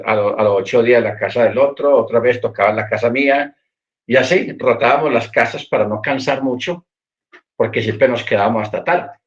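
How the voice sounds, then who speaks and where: A man teaching a Bible study in a storytelling way, often repeating words as he searches for them. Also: medium pitch. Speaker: Messianic Torah teacher. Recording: dull, lo-fi internet stream.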